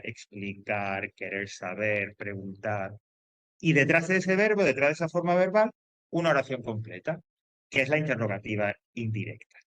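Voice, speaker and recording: A man with a medium-pitched, somewhat bright voice teaches a grammar lesson in a dry recording. He explains through repetition and checks in with his students often. His phrasing is loose and hesitant, with fillers and restarts.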